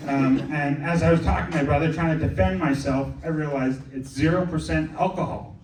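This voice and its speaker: A man's voice: on the high side, steady tone, fairly quick, background noise. A young man doing a stand-up comedy set in a club, rambling and self-deprecating, breaking off into asides. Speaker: stand-up comic. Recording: echoey club from a distance. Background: audience laughter.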